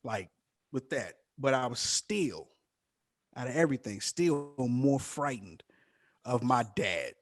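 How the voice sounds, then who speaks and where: A man's voice: mid-range voice, animated, takes it slowly. A man co-hosting a casual podcast chat, talking emphatically and repeating phrases for effect. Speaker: podcast co-host.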